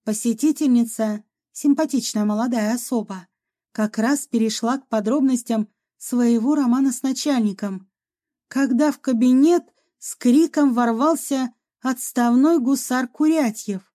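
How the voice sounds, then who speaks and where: Mellow-voiced woman narrating a story. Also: fairly high pitch, unhurried. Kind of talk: audiobook narration.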